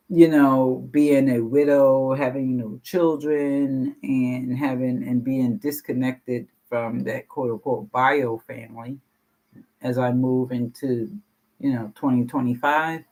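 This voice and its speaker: At a support meeting, a sixties-aged woman shares something personal in a rambling, frank way, tossing in casual curse words. Her voice is deep and low, with a husky grain and a somewhat dark tone.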